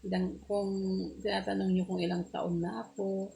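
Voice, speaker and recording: A woman in her forties with an Ilocano accent, chatting softly on a live stream, greeting viewers and laughing often. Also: medium pitch, flat delivery, moderate pace, vocal fry, a little hiss or hum. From Pangasinan, Philippines. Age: 40s. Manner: soft-spoken, greets commenters, laughs often.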